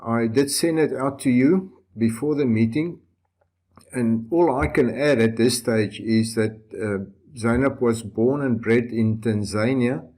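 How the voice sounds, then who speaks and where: A man's voice: medium pitch, darkish tone. A man hosting an online meeting, speaking informally as he moderates and introduces speakers. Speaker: meeting host. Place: video call.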